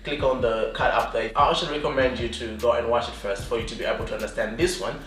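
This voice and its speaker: A man hosting a casual video chat with two guests, lively and jokey, often laughing. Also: medium pitch, fast talker. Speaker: host. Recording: echoey room, voice from a distance, faint music behind.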